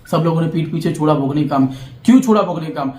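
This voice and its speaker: A man's voice: fairly high pitch, quick pace, darkish tone, roomy sound. A young man from Bihar, vlogging to camera in a heated, defiant monologue that lectures and keeps checking that his listeners understand. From Bihar, India.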